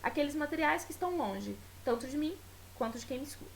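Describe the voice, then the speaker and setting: Brazilian woman teacher, high-ish voice, patient explainer who draws out example words; slight tape hiss. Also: animated, gravelly, rough recording. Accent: Brazilian Portuguese. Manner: explanatory, repeats words slowly and stretches them for pronunciation; checks in often with tag questions. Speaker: Spanish teacher. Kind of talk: recorded school video lesson.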